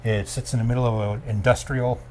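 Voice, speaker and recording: A man's voice: mid-range voice, little pitch movement, fairly quick, warm tone, slight background noise. A middle-aged man hosting a casual theater review chat, folksy and repetitive as he talks. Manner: chatty, repeats himself, folksy.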